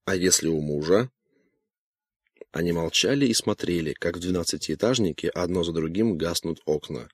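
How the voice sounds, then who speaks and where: A man narrating an audiobook in an even, unhurried reading. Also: low voice, breathy edge, no echo, studio quality.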